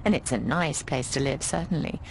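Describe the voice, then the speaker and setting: Low-voiced and fairly quick, this actress voices a worldly, teasing middle-aged landlady in a video game, against a noisy background. Her delivery is breezy, wry and informative, with a theatrical drawl and plenty of "darling."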